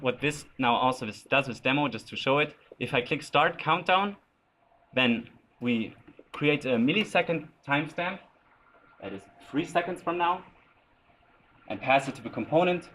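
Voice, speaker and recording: A man giving an informal lightning talk with a live demo, explaining as he goes in short, halting phrases. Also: mid-range voice, lively intonation, a bit bright, rough recording. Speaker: software developer presenting at a tech meetup.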